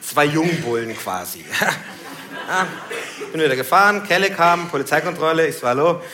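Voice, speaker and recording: A man doing stand-up, telling a story in a lively, self-mocking way and laughing at his own jokes on a live stage. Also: a little high, normal speed. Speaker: stand-up comedian. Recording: echoey live venue, background noise.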